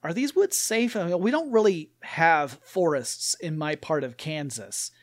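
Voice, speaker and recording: A man's voice: fairly high pitch, expressive, a little slow. A man voicing a young farm girl far from home, prim and incredulous, in a raised voice. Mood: earnest.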